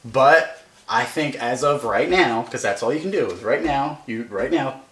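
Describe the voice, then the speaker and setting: A man's voice: mid-range voice, unhurried, far from the mic. A man in mid-range voice hosts a casual fantasy sports chat. He talks in a chatty, emphatic way, pressing his argument. The room is echoey with a faint hiss behind him. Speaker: podcast co-host.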